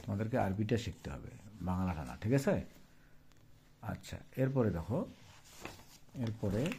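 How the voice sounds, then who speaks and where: A man with a Bangladeshi Bengali accent teaching a textbook lesson to young pupils on a phone, explaining terms slowly and checking often that they follow. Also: on the low side, big pitch swings, dark tone, slight background noise.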